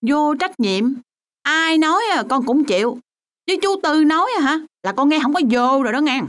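A harsh, dismissive mother in a radio play. Her voice is high and swoops widely. She fires back with sarcastic, sharp retorts. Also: expressive, normal speed. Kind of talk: radio drama acting.

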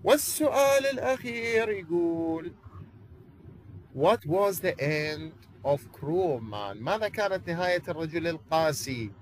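A male English teacher with an Iraqi Arabic accent leads an online class. His voice sits a bit high and moves up and down a lot. He keeps asking a question and answering it himself. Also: expressive, a little slow, slight background noise, rough recording.

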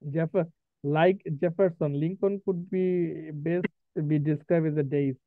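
Over a tinny, phone-like line, a man whose voice is on the high side and fairly even in intonation leads an English vocabulary lesson. He explains words, quizzes students with questions, and reads definitions slowly, switching between Bengali and English in a live lecture with no room sound.

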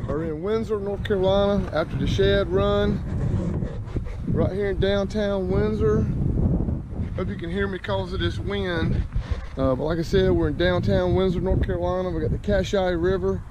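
A man's voice: high voice, dull audio. A middle-aged man, hosting his fishing vlog and talking straight to the camera outdoors by a river. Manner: friendly, folksy, talks straight to camera. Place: outdoors by a windy river bank. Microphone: action camera. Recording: wind and outdoor noise.

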